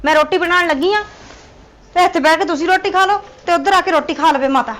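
A woman with a Punjabi accent playing a sharp-tongued daughter-in-law who scolds and dismisses her mother-in-law. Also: very high voice, quick pace, a little hiss or hum. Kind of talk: family drama acting.

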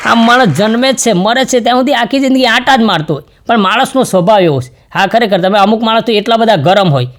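Male stand-up, Charotar Gujarati accent, folksy joke-teller who does high shouting character bits, faint audience noise. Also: lively intonation, fast talker, few pauses, some chatter behind. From Gujarat, India. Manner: acts out characters with sudden jumps to a high shouting voice. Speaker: stand-up comedian.

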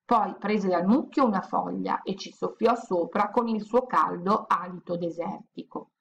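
A woman reading a children's storybook aloud in a gentle, steady storytelling manner. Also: fairly low pitch, measured pace, creaky, a little hiss or hum. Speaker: audiobook reader.

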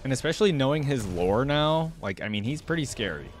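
Lively intonation and a slightly fast pace mark this mid-range male voice, with faint music playing behind. The young adult reaction host offers informal gameplay commentary, musing into a close desktop microphone and headset while background noise is clearly heard.

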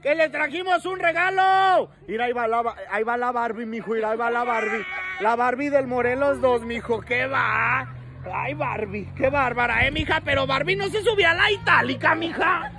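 A man with a Mexican accent hosting a street vlog, joking, teasing and shouting to people outdoors at night. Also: very high voice, moderate pace, background noise. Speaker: street prankster host. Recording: busy street with crowd chatter. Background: crowd chatter.

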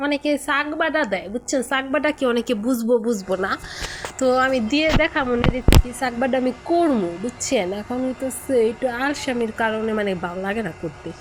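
A woman with a Munshiganj Bengali dialect chats casually to her viewers as a cooking vlogger. Her voice sits a little high, and she keeps asking whether they follow. The home video recording has clear noise behind her. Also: expressive, a little fast. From Bangladesh.

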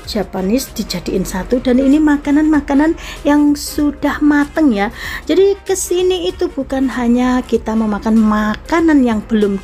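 A young Indonesian food vlogger chats enthusiastically to her followers about a buffet restaurant, narrating casually from inside the busy room. Her voice is mellow and fairly high in pitch.

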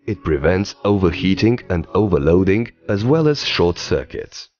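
A man giving scripted documentary narration in an even, explanatory delivery, recorded as a studio voice-over. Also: low-pitched, normal speed, lo-fi sound.

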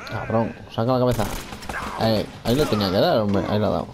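A man's voice: fairly low pitch, quick pace, noisy background. A man giving casual let's-play commentary, talking to himself and his character, repeating phrases and swearing at enemies. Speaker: gamer playing a video game.

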